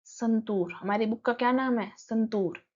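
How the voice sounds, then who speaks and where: A woman teacher, explaining a textbook lesson and reading English lines slowly before she explains them. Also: fairly high pitch, darkish tone, highs cut off.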